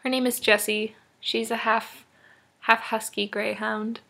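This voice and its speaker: A woman's voice: on the high side, little pitch movement, unhurried, gravelly, pushed and bright. A young woman from Maine rambling to a friend on a webcam at home, giggly and self-deprecating. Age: young adult. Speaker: vlogger. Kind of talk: casual chat to a friend.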